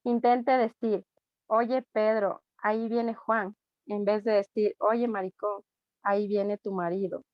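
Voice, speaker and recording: A woman's voice: mid-range voice, takes it slowly, dry recording. Woman, Ecuadorian accent, reading aloud to class, dry muffled audio. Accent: Ecuadorian Spanish. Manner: steady reading with small slips and self-corrections. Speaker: student.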